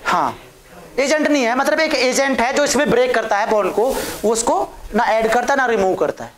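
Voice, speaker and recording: A woman's voice: fairly high pitch, lively intonation, a little fast. A woman teaching a chemistry class, coaxing her students with questions that she answers herself. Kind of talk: classroom lecture. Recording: echoey room.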